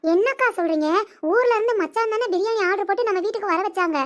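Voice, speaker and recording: A woman's voice: extremely high pitch, quick pace. A woman voicing a meek, innocent young wife in a cartoon comedy.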